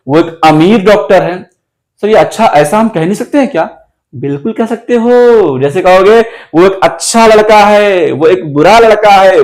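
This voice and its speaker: A man, teaching a classroom lesson. He drills sentences word by word and talks to his students as if they were children. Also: sits high. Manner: explains slowly, addressing students as children. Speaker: English teacher.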